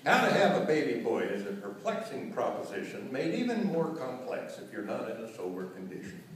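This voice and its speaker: A man's voice: medium pitch, big pitch swings, fairly quick. A man with a folksy cowboy drawl recites humorous cowboy poetry live, telling rhymed stories in a theatrical way. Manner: theatrical rhyming storyteller delivery. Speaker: cowboy poet performing on stage. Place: echoey room with live audience. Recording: roomy echo, distant mic, faint noise.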